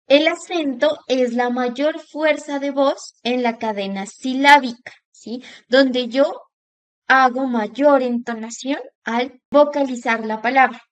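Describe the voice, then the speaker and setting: A woman teacher giving a recorded lesson, drawing out example words slowly to show where the stress falls. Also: high voice, fairly even intonation. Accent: Latin American Spanish.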